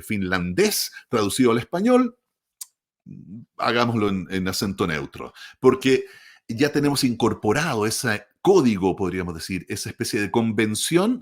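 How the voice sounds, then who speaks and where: A man who produces audiobooks, explaining the craft in a measured way and often checking in with the listener. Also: fairly low pitch. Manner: measured, explanatory, frequent tag questions. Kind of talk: explanatory talk.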